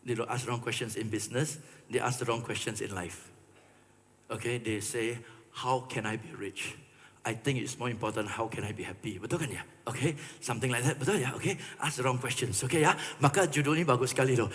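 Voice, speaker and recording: A man giving a live motivational talk, animated and playful with the audience, mixing English phrases into his speech. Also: mid-range voice, brisk. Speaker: motivational speaker. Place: large hall with an audience. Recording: long hall reverb.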